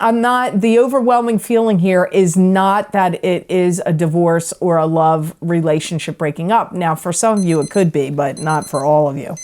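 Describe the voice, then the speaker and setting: Rambling woman tarot reader, lowish voice. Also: a little mellow. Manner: rambling, many fillers and restarts. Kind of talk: casual spoken tarot reading.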